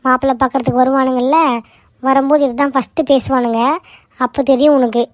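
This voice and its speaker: A woman voicing a sharp-tongued, scolding middle-aged mother in a cartoon. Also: sits high, level tone, quick pace, dry recording, close to an everyday voice. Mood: teasing. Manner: nagging, sarcastic. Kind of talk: cartoon voice acting.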